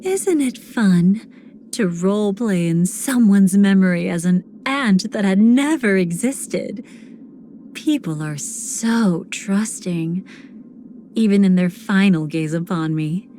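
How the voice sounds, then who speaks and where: Constance, a languid, sinister seductress. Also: female voice, medium pitch, animated, slow pace, mellow, a little hiss or hum. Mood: sinister delight. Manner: languid, theatrical, breathy whispered phrase endings. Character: seductive, sinister woman cremator who savors betrayal and decay. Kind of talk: video game character voice lines.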